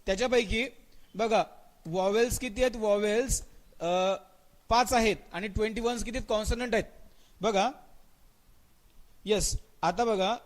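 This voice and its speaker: High-voiced man teaching grammar, Marathi accent. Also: normal speed, long pauses. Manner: calls students by name, repeats questions and drills answers; mixes English words into his speech, stretches out spoken example sentences. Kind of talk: live online exam-prep class.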